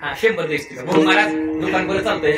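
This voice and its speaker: Man, high voice, playful kirtan preacher, echoey far-off hall. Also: fast. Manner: playful, teasing the audience with questions. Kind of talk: devotional kirtan sermon with storytelling. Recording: echoey and distant, live hall with music.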